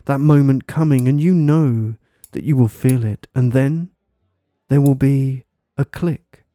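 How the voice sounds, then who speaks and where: A man doing a hypnotic ASMR role-play in a soft, soothing voice right in the listener's ear, with slow, suggestive, deliberate phrasing. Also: medium pitch, dry recording, studio quality. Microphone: close microphone, dry sound.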